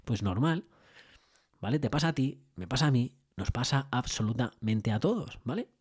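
Man, Spain Spanish accent, motivational business coach, rhetorical questions, mid-pitched voice. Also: moderate pace, slightly rough. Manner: rhetorical questions, constant tag questions; animated storytelling with acted-out dialogue. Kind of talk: motivational talk to listeners.

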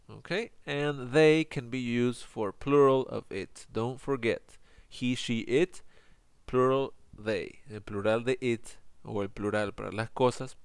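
A male teacher explains grammar in an unhurried, patient way. His voice is smooth and clear at a middle pitch. The recording is dry and close, with no room sound. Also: dry recording. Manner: explains in Spanish, reads English examples slowly and carefully. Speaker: English teacher. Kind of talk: recorded online lesson.

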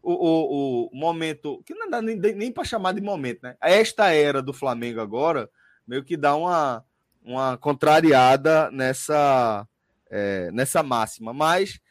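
Lively man, slangy podcast host. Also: fairly high pitch, a little slow, no room sound, clean studio sound. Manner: slangy, swearing, colloquial. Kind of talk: casual betting chat.

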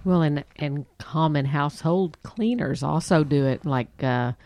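A woman's voice: low voice, measured pace, a little mellow. A woman co-hosting a health podcast, introducing topics and chiming in with teasing quips. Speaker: podcast co-host. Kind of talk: casual health podcast chat.

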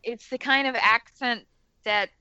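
A woman's voice: a little high, fairly even intonation, unhurried, bright, forceful tone, clear, resonant tone, dry recording, muffled recording. A woman from the American South with a slight Southern accent, co-hosting a casual movie commentary, laughing often and swearing freely. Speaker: podcast co-host.

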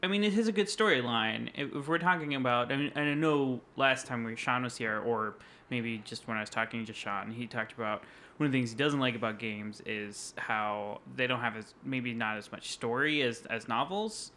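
A man's voice: mid-range voice, moderate pace, pushed and bright. A young man co-hosting a casual gaming podcast, with a throaty, nasal voice, a bit tipsy. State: drinking while recording. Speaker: podcast co-host.

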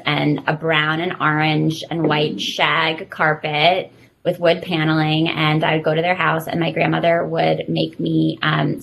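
A woman's voice: low-pitched, creaky, fairly bright tone, poor audio. A woman in her thirties hosting a podcast, chatting and telling nostalgic stories. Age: 30s. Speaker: podcast host. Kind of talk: casual podcast chat.

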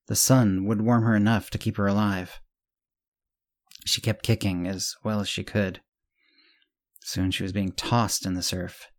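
A man narrating a serialized story as the show's host, at a slightly low pitch. His reading is measured and even, with the odd restart. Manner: measured reading with small self-corrections.

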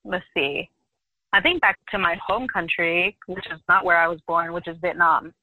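A woman's voice: on the low side, moderate pace, bright, forceful tone, no room sound, rough recording. A young adult woman talking as a podcast guest in a loose, chatty way, full of "like" fillers. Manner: talkative, loose, many "like" fillers. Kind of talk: casual interview chat.

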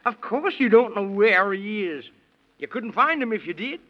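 A man's voice: high-pitched, very animated, normal speed. A man playing a fussy, scatterbrained Man in the Moon who gets flustered and repeats himself, in a 1930s children's radio serial. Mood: scolding, chuckling. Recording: dull, muffled 1930s radio recording.

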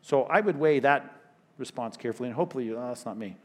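A male pastor preaching a sermon in an emphatic way. He repeats himself, throws in sudden loud stresses, and drops into quiet asides. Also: medium pitch, fast.

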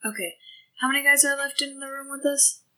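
A woman's voice: high voice, steady tone, brisk, sharp tone. A woman chatting casually as a player in a tabletop game, informal and inquisitive.

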